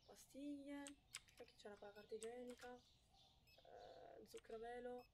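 A woman's voice: on the high side, normal speed. Chatty woman streamer, noisy recording. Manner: chatty, dramatic outbursts, talks to chat. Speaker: streamer playing a supermarket game. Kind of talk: casual gameplay commentary.

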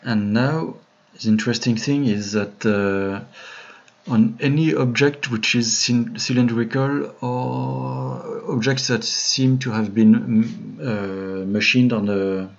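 In a slow, mid-range voice, a 3D modeling streamer with a French accent presents a live CAD tutorial, explaining each step amid many fillers and restarts and greeting people in the chat. The home stream audio is dull and lo-fi.

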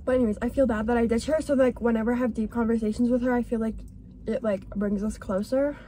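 A woman's voice: on the high side, fairly even intonation, quick pace, mellow, slight background noise. A teenage girl chatting casually in a car, rambling with lots of fillers. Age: teens. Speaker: co-host. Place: inside a car.

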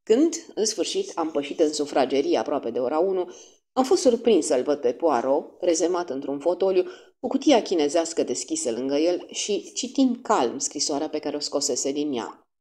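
A woman narrating a classic detective story as an audiobook, in expressive first-person storytelling. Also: sits low, breathy edge.

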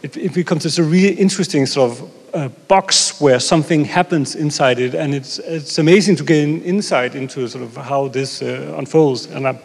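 A man's voice: fairly high pitch, moderate pace, vocal fry, few pauses, slightly rough. Hesitant male moderator in a reverberant room. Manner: hesitant, many fillers and restarts. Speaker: panel moderator. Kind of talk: panel discussion. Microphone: handheld mic.

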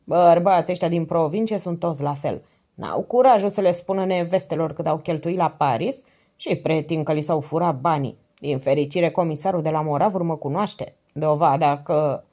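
Woman voicing an indignant young woman, audiobook, scornful, complaining, low pitch, mellow tone.

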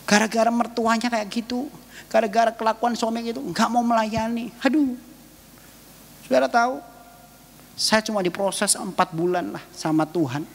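Husky-voiced pastor preaching in a reverberant hall. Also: male voice, high-pitched. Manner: emotional storytelling preacher, rising to loud peaks and dropping to soft asides. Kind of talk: sermon. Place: church hall. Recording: long reverb of a church hall.

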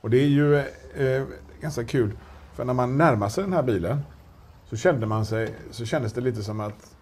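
A male auction specialist presents a car in casual chat, rambling with lots of restarts and filler words. His voice is mid-range and a little mellow.

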